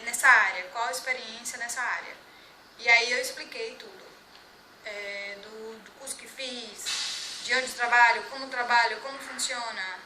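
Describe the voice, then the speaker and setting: A woman's voice: fairly high pitch, pushed and bright, a little hiss or hum. Chatty young woman in an echoey room. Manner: chatty, quick, trips over words. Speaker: vlogger giving job interview tips. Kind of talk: casual chat.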